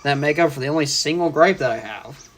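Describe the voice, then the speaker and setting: A man's voice: on the high side, a little fast, fairly bright tone. A young man chatting casually and opinionatedly while livestreaming a video game. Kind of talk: live gameplay commentary.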